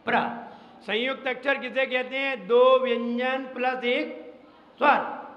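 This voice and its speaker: A Jain monk teaching Sanskrit recitation in a classroom lesson. He speaks slowly, repeats each rule several times and quizzes his listeners, with chanted verses in between. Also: extremely high pitch, a bit bright. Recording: dull, echoey hall recording.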